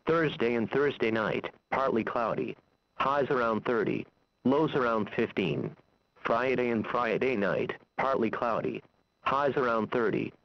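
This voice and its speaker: An American man's synthesized-sounding weather radio voice, reading a scripted bulletin in a formal, measured manner. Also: medium pitch, creaky, no echo. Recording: dull lo-fi weather radio broadcast.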